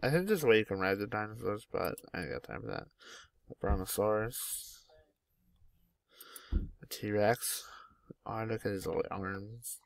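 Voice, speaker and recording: A young man commenting casually on a game at home, easily delighted by every creature he finds. His voice is low and gravelly with plenty of fry. The recording is dry, with no room around it. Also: lively intonation, unhurried, pauses often, no echo. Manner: chatty, easily delighted, naming animals as they appear. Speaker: gaming YouTuber.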